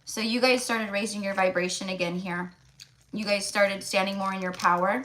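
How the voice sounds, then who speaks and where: A woman's voice: mid-range voice, fairly even intonation, normal speed, a bit bright, low-quality recording. A woman hosting a live tarot reading in a casual, rambling way, repeating phrases for emphasis and often checking in with listeners. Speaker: tarot reader, livestream host.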